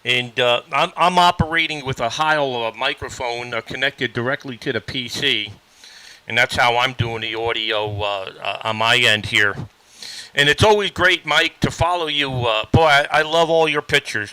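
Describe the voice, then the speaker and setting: A man's voice: mid-range voice, bright, forceful tone, clear, resonant tone, no room sound, rough recording. A man chatting on the air as an amateur radio operator, friendly and full of fillers. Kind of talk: casual radio chat. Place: remote ham radio station.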